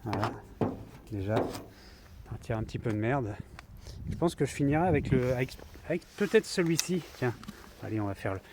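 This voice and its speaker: A man talks casually as he works on a van outdoors, thinking aloud and filling his pauses as he goes. His voice sits at an ordinary middle pitch. Faint outdoor noise hums behind him. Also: lively intonation. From France. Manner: chatty, thinking aloud with fillers while working. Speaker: van builder. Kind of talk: casual DIY vlog narration.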